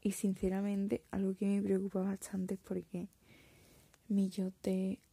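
Young woman in her twenties, mellow, husky whisper, hesitant confessional vlogger. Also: mid-range voice, monotone, unhurried, no room sound. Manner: soft whisper, hesitant and reflective. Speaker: art student.

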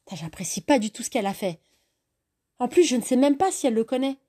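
A woman's voice: a little high, moderate pace, a little mellow, pitched above the performer's own voice, close to an everyday voice. A woman voicing a young female newcomer to the city, guarded and easily exasperated, in a raised, tense voice. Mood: irritated.

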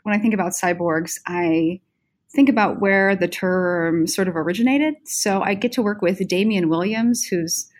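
A woman's voice: mid-range voice, moderate pace. A woman on a panel explaining in an academic but conversational way, hesitantly searching for her words.

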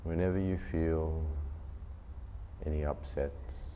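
A man leading a guided meditation in a soothing, unhurried delivery, leaving long pauses between short phrases. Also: rumbling low, steady tone, warm tone. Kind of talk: slow guided meditation narration. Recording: muffled lo-fi, faint noise.

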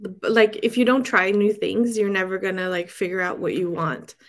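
A woman's voice: mid-range voice, steady tone, normal speed. A young woman talks casually as an interview guest. She rambles, restarts her sentences and fills gaps with "like" and "um", laughing easily between thoughts. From Sweden. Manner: rambling, many fillers and restarts, laughs often. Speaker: guest photographer.

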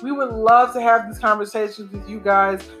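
A woman's voice: on the high side, steady tone, moderate pace, a bit bright, soft background music. A woman co-hosting a podcast from home, chatting casually and animatedly with an opinionated tone and a lot of "y'all". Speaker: podcast co-host.

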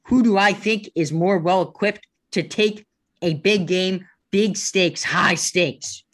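A man's voice: high-pitched, slow, fairly bright tone. A man co-hosting a casual sports podcast, joking around, making puns and teasing his co-host. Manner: playful, jokey, punning, teasing.

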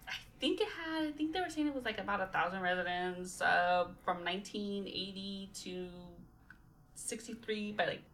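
A woman's voice: mid-range voice, normal speed, a bit bright, slight background noise, poor audio. A young woman hosting a casual podcast, chatting and rambling with lots of fillers and giggles. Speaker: podcast host.

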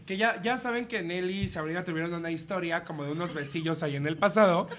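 A man with a Mexican Spanish accent co-hosts a casual comedic chat, his voice bright and sharp. He laughs through crude stories and acts out the sounds he describes. A faint hiss sits under the recording. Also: sits high, fast. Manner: crude, laughing storyteller who acts out moans. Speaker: podcast co-host.

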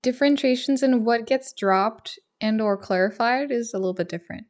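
A woman's voice: on the high side, a little fast. A woman hosting a casual interview about learning Japanese, friendly and playful. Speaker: podcast host.

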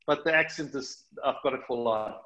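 A man's voice: medium pitch, fairly quick, sharp tone, slight background noise, rough recording. A middle-aged man with a South African accent, a charity guest talking earnestly in an interview, with many fillers and restarts. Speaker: charity partnership manager, guest. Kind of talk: conversational interview.

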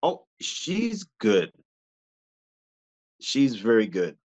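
A comedian from Montreal telling stories on a podcast, acting out the people in them. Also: male voice, fairly low pitch, extremely slow. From Montreal, Canada. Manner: animated, acts out the people in his stories. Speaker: comedian guest. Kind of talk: podcast storytelling. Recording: dull lo-fi sound.

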